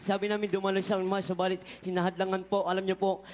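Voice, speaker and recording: A man's voice: high-pitched, completely flat delivery, very fast. A man giving a fervent church testimony, often repeating "mga mahal" and "hallelujah". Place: large church hall. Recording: hall reverb from church sound system.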